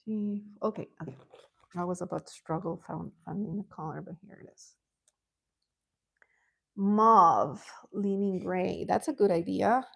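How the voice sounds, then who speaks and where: A woman's voice: fairly low pitch, measured pace, creaky, pauses often, husky. A middle-aged woman from Ecuador chatting casually as a livestream host, answering comments while coloring, often laughing and rambling.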